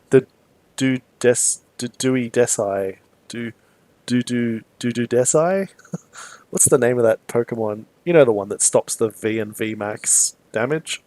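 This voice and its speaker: A relaxed man talks through his moves as he streams a card game. His voice sits at an average pitch for a man. The delivery is loose, chatty and quick to chuckle. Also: no room sound. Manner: relaxed, chatty, muses aloud and chuckles easily. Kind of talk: casual thinking aloud while playing.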